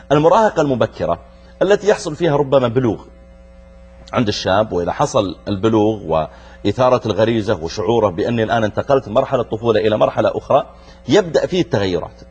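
His voice is on the low side, a little mellow and husky, captured in dull audio. This middle-aged preacher from Saudi Arabia keeps his youth show lively and engaging, speaking straight to the young audience and asking them questions.

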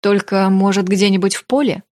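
A woman's voice: medium pitch, fairly even intonation, moderate pace, darkish tone, no echo, lightly acted. Woman voicing an unsure young sorceress, hesitant, dry close sound. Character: young woman mage, unsure, curious student.

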